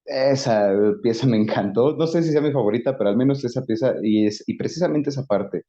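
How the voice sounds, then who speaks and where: Man, hesitant panelist, mellow tone, dull lo-fi mic. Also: medium pitch. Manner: hesitant, halting. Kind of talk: casual panel chat.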